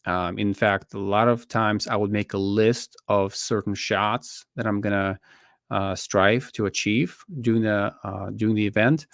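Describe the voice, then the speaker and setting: Lowish dry-voiced man explaining earnestly. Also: fairly even intonation, creaky, no echo. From Latvia. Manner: earnest, measured, explaining with fillers. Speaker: wedding photographer, guest. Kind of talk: casual interview answers. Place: indoor studio room, on a video call.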